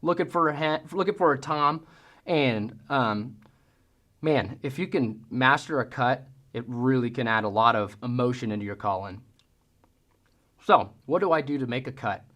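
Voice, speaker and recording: A man's voice: medium pitch, moderate pace, a bit bright. Casual, folksy male hunting-call instructor. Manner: folksy, mimics sounds with vocal demonstrations. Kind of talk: casual how-to tutorial.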